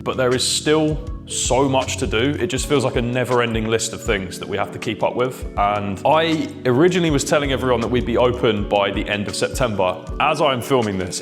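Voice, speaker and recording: A man giving a casual, informal video tour to camera indoors, explaining things in loose, filler-laced phrases. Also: medium pitch. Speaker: vlogger and shop owner. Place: indoors in a shop being fitted out.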